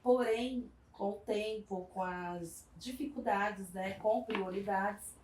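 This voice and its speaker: A mid-range voice belongs to this São Paulo woman in her forties, a community project worker being interviewed about her life. She reflects as she goes, warm but hesitant, pausing often and adding tag questions. Faint background noise, a distant mic and room echo mark the recording.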